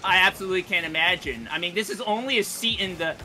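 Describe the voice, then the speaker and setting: A man doing esports color commentary, jumping in with quick reactions and short analysis. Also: high-pitched, sharp tone, a little hiss or hum.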